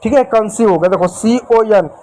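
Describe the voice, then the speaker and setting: Here the teacher speaks at a moderate pace in a high but dark-toned voice, captured on a low-quality recording. Still addressing his dear children, he works through spelling on the whiteboard, repeating points and answering his own questions.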